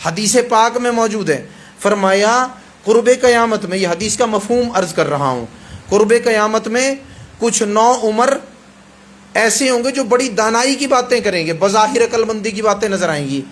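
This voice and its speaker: A preacher gives an emphatic sermon about hadith, speaking with a Pakistani Urdu accent in a high male voice. He repeats phrases often and asks for the audience's agreement.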